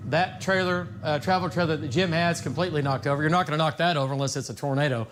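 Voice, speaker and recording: A man's voice: a little high, fast talker. An American man anchoring live severe weather coverage off the cuff, folksy and emphatic, repeating phrases for stress. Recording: noticeable background noise.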